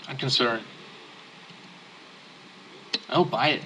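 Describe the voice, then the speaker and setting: A man's voice: medium pitch, takes it slowly, bright, forceful tone, slight background noise, low-quality recording. A man playing a text-based game, reading its text aloud and adding casual muttered asides. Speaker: let's play gamer.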